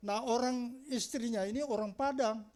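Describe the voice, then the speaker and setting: A man with a notably high voice preaches in church in a loose storytelling way. He jokes through his anecdotes and laughs often, keeping the sermon chatty and warm-humored. It sounds like a pastor talking straight to his congregation.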